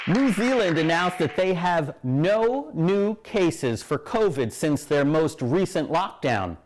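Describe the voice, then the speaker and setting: Lively, animated comedy host. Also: male voice, a little high, takes it slowly, a faint crowd, a little hiss or hum. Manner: punchline delivery, jumps into silly voices. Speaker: late-night host. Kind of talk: comedy monologue.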